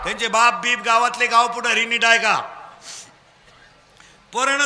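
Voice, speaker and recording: A man with a Khandeshi Marathi accent delivers a humorous kirtan sermon, shouting prompts at children and teasing and drilling them in call-and-response. His voice is extremely high, and the sound trails off in a long reverb tail.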